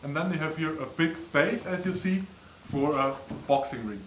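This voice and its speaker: A young man gives a chatty walkthrough tour of an old wooden barn, full of ums and gesturing as he walks. His voice is on the high side, moderately paced and a bit bright. A camera mic picks him up from a distance, with barn echo and faint noise.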